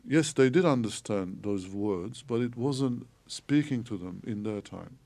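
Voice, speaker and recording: Gravelly low-voiced man explaining carefully. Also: expressive, a little mellow. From Turkey. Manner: measured, explanatory, frequent hesitations. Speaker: theologian guest. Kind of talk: podcast interview.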